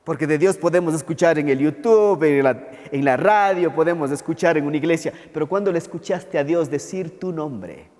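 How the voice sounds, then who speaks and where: Male pastor, slightly high voice, sermon delivery built on rhetorical questions, recorded in a reverberant church hall. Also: a little mellow. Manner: preaching with rhetorical questions, slowing for quoted words.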